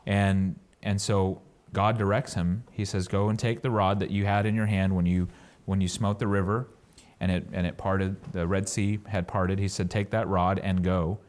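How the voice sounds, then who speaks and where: A man with a low voice teaching from scripture in an unhurried sermon. He reads the verses and then explains them plainly. His delivery is halting, and he often doubles up on words mid-sentence. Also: little pitch movement, a little mellow. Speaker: Bible teacher. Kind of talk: Bible study sermon.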